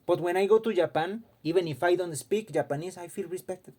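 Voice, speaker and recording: A Mexican man who comments on fighting games delivers an impassioned, casual opinion monologue, often repeating words while searching for them. His voice is high and darkish in tone, and he talks briskly.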